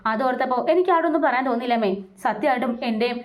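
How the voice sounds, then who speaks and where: A woman's voice: high-pitched, rapid-fire, close to an everyday voice. A woman voicing a scheming young daughter-in-law who pleads and explains herself in a self-pitying way. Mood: pleading.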